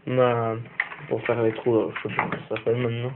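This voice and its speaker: A man's voice: medium pitch, level tone, quick pace. A young man from Belgium with a Belgian French accent, giving a rambling, hesitant tour in a casual vlog, full of fillers. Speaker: vlogger. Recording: tinny lo-fi phone-like audio with hiss.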